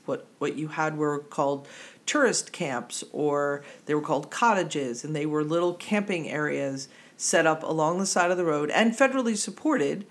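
A podcast co-host with a New Jersey accent in casual, digressive chat who laughs easily. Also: mid-range voice.

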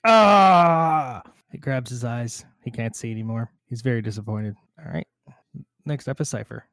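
Game master: man, mid-pitch, chatty rules talk, dry close sound. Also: fairly quick, no echo. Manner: relaxed, chatty rules explanations. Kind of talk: narrating a tabletop game.

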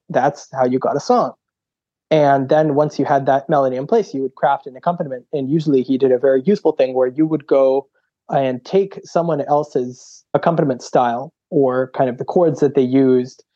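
A young man with a mellow, warm voice tells his stories with gusto, jumping up in pitch whenever he acts out what someone said. The audio is dry and a little dull, like a modest lo-fi recording. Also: no echo. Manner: lively storyteller who acts out quotes with a raised pitch. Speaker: guest. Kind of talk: animated storytelling in conversation.

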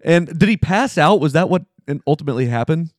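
A man's voice: on the high side, animated, fairly quick, no echo, clean studio sound. A man co-hosting a basketball podcast, laid-back and joking as he chats. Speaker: podcast co-host. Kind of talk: casual sports chat.

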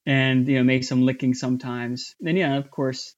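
A man guesting in a casual interview about his voice acting work, talking in a halting way with many fillers and restarts. His voice is somewhat high. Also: level tone, muffled recording. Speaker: voice actor guest.

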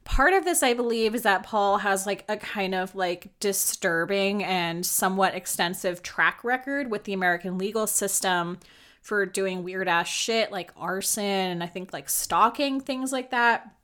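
Speaking at a measured pace, a young woman with a medium-pitched, fairly bright voice recaps a reality show for her podcast. It's casual solo talk, chatty and sarcastic, full of filler likes and curse words.

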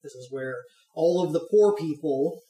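A man running a tabletop role-playing game, improvising narration in a halting, hedging way. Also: on the high side, warm tone. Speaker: game master. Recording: roomy, distant mic, faint noise.

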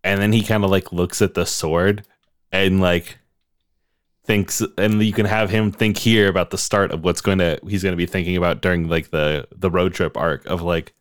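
A laid-back young man pitching ideas on a podcast, relaxed and enthusiastic, swearing casually. His voice is lowish and smooth. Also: normal speed. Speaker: podcast co-host. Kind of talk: casual story brainstorming.

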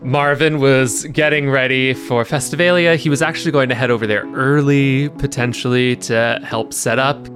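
A man's voice: mid-range voice, steady tone, normal speed, hardly any pauses, music in the background. A man playing a tabletop role-playing game, casually narrating what his character does. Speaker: player.

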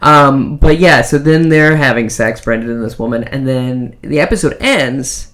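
A man's voice: medium pitch, moderate pace. A man co-hosting a podcast in casual chat, recapping a TV episode with crude jokes and acted-out lines. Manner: animated, crude, jokey, acts out characters' lines. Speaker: podcast co-host.

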